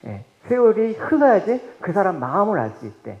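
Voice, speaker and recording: Animated preacher, dull lo-fi sound. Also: male voice, high-pitched, normal speed. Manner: animated preaching with rhetorical questions, swinging between loud and hushed. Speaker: pastor. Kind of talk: sermon.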